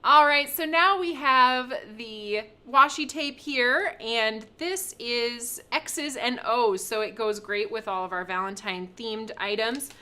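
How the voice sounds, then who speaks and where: A woman's voice: fairly high pitch, slow pace, hardly any pauses, pushed and bright, clear, resonant tone. A woman hosting a live craft product reveal, chatty and upbeat, laughing often as she shows items. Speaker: craft shop host.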